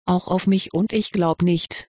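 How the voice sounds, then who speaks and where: A level-headed young wizard from a storybook, laying out his reasoning with a dry, lightly ironic edge, as a reader puts him on. The voice is a little husky and close, with no room around it. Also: mid-range voice, fairly even intonation, unhurried, darkish tone, no room sound. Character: sensible, dry-witted schoolboy wizard. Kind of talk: audiobook reading of fan fiction.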